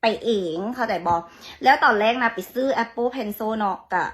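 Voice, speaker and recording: A woman with a Lao accent telling a story in a blunt, animated, mocking way as a vlogger. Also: on the high side, moderate pace. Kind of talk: casual storytelling rant.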